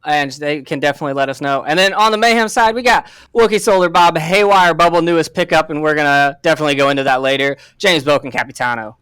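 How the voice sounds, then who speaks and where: Smooth-voiced guy co-casting a match, lots of uhs, hamming up a drawl. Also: a little high, quick pace, hardly any pauses, a bit bright, no room sound. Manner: hesitant, filler-heavy, joking put-on drawl. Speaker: esports co-caster. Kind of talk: casual esports commentary.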